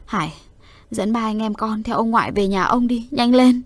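A woman's voice: a little high, moderate pace, no room sound, close to an everyday voice. Woman voicing an urgent, tearful aunt. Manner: urgent, sobbing commands. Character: distraught aunt, middle-aged woman, urgent. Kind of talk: storytelling voice acting.

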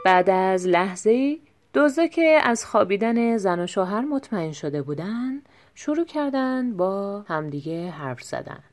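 A woman calmly narrating a folk tale as an audiobook reader, in an even storytelling manner. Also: medium pitch, soft background music.

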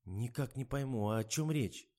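A nervous young woman writer, as a male reader puts her on, answers politely and hesitantly. Her voice sits a little higher than the reader's own. It is an audiobook performance. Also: normal speed, darkish tone, close to an everyday voice. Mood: polite flustered.

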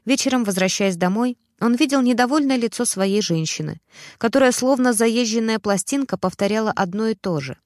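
A woman narrating a dramatic family story in a steady, expressive storytelling voice. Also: a little high, fairly quick, dry recording, clean studio sound.

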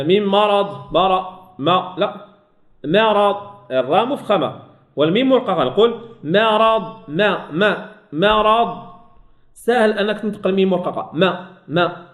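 A man with a Moroccan Arabic accent teaching a recitation lesson, drawing out words slowly and repeating them to demonstrate. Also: sits high, echoey room.

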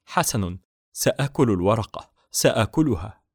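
A man's voice: on the low side, lively intonation, moderate pace, a little mellow, husky, dry recording, clean studio sound. A man voicing a timid, frightened young maidservant in a storybook reading, pleading and fearful.

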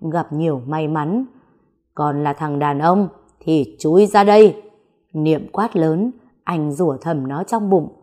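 A woman's voice: low voice, dark tone, breathy edge. A woman narrating a dramatic audio story and voicing the characters' lines herself.

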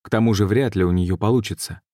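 A male audiobook narrator with a deep, dark voice, reading in a measured, deliberate way. The recording is close and dry. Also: dry recording. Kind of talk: scripted narration.

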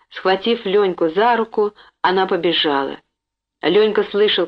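Woman narrating an audiobook, lo-fi. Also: mid-range voice. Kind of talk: audiobook reading. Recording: dull lo-fi recording.

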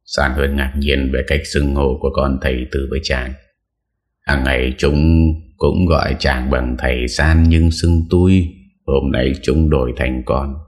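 A man reading a story aloud in a measured, steady audiobook narration. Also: a bass voice.

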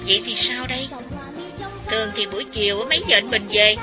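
A loud, commanding young woman, voiced by a male narrator calls out over the phone in a high, insistent voice. Her orders come in bursts, pushed hard so she can be heard. Soft music plays underneath. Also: fairly quick, lightly acted. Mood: pressing. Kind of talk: audiobook character voice.

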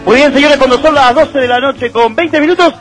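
A man's voice: very high-pitched, fairly quick, music in the background. A Uruguayan man co-hosting a radio sports show, teasing and laughing through playful banter. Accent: Uruguayan Spanish.

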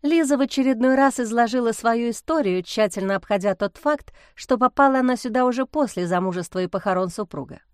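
A woman reading a fairy-tale audiobook chapter as narrator, in an even storytelling manner. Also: fairly high pitch, brisk, few pauses, clear, resonant tone, no echo, clean studio sound. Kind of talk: scripted narration.

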